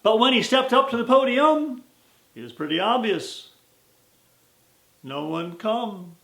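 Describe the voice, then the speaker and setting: An American man telling a story in verse as a dramatic, deliberate and strongly emphatic recitation. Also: high voice, gravelly, a bit bright, roomy sound. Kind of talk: dramatic recitation of a cowboy poem.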